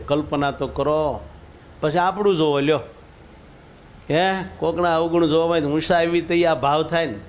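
A man's voice: a little high, slight background noise. A man giving a devotional sermon, telling stories in a folksy way and chanting verses. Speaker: religious storyteller.

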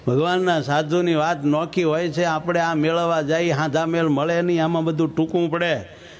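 A man's voice: fairly high pitch, level tone, normal speed. A man, telling a religious story in a folksy sermon and exhorting his listeners. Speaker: preacher.

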